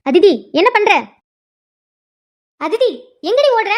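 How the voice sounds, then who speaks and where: A woman's voice: very high-pitched, lively intonation, takes it slowly, heavily acted. A woman voicing a middle-aged mother in a cartoon who indignantly scolds her husband and daughter. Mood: scolding.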